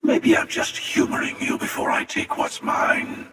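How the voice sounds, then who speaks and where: A man playing The Hunter, a cynical, menacing older villain in a video game, with a breathy rasp and a slow, sardonic, world-weary delivery. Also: bright, forceful tone. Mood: cold menace. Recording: long echoing reverb, distant from mic.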